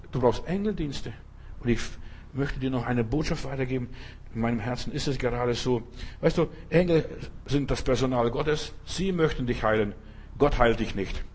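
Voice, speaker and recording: A man's voice: mid-range voice, darkish tone, slight background noise. A man preaching a sermon in short, repetitive phrases, often turning to the listener with direct questions. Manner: addresses the listener directly with repeated rhetorical questions.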